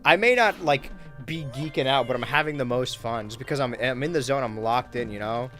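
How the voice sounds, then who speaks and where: Young male streamer, mid-pitch, wry and easygoing, faint game music under him. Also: brisk, a bit bright. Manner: laid-back, wry, reads chat aloud while playing. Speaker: streamer and YouTuber. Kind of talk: casual gaming livestream chat.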